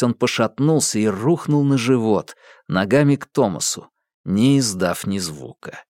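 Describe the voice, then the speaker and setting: A man reading an audiobook in a measured, dramatic storytelling manner. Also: medium pitch, darkish tone, dry recording, clean studio sound. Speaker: narrator. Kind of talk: audiobook narration.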